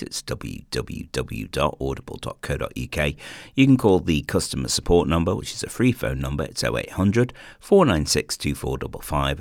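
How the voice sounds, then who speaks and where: Very deep, gravelly radio host. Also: male voice, dry recording, studio quality. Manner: relaxed, with filler ums. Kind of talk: casual radio chat.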